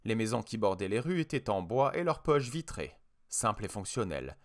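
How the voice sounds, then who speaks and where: A man reading an audiobook with expressive, dramatic narration. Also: lowish voice, normal speed. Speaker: audiobook reader.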